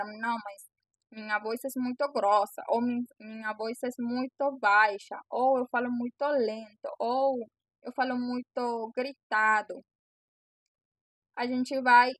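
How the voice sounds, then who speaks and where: With a fairly high pitch and no room sound, a young Venezuelan woman who speaks Spanish natively, with a Venezuelan accent, gives direct-to-camera coaching to sellers as a bow-maker, earnest and encouraging and repeating phrases.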